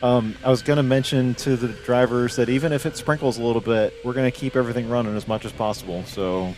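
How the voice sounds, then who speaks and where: Easygoing male race host in a booth, headset mic, mid-pitched, soft music underneath. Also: fairly even intonation, quick pace. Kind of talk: live race commentary and interview. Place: announcer booth at an indoor kart track.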